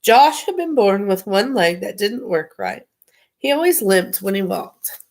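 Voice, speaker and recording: A woman's voice: mid-range voice, sing-song, measured pace. A woman reading a children's picture book aloud on a livestream, playful and chatty between pages. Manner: playful, giggly, chatty asides. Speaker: storybook reader, livestream host.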